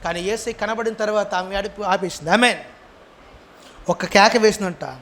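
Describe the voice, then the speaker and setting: A man's voice: sits high, moderate pace. A man pastor with a Telugu accent, preaching a sermon and calling on the congregation to answer him. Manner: call-and-response preaching, asks the congregation to answer; acts out quoted lines with a rising, shouted voice.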